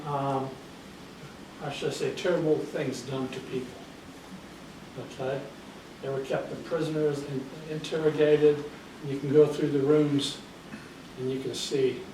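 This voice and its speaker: This slightly high male voice belongs to an older guest speaker, born in Hungary, delivering an informal slide talk at a library and frequently asking "okay?". Background noise is present, the meeting room is echoey, and he's far from the microphone.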